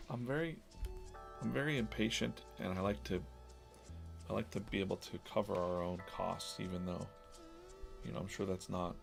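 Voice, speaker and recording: Brief: deep, gravelly-voiced man, casual rambling livestream host, faint background music. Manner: rambling, self-interrupting, business-minded. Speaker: comic artist hosting a live drawing stream. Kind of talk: casual live-stream chat while drawing.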